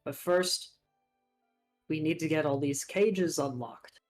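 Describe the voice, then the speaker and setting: A player acting out a young man in a tabletop fantasy role-play. He is blunt and terse, with a sardonic, protective edge, at a middling pitch. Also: takes it slowly, soft background music, natural voice. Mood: determined.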